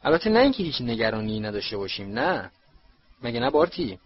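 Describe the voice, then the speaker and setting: A man voicing a jolly, excitable middle-aged male sports official in an audiobook reading. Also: breathy edge, muffled recording. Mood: cheerful. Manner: eager, booming, bouncy.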